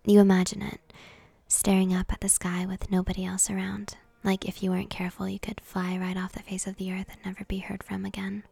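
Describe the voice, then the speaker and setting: A woman narrating a second-person story in a soft, intimate whispered role-play. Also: medium pitch, completely flat delivery, fairly quick, gravelly, breathy edge, no echo.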